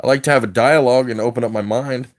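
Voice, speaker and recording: Speaking fast in a mid-range voice with fairly even intonation, a man delivers an agitated, wired livestream rant. His thoughts jump around as he rambles, and he curses a great deal.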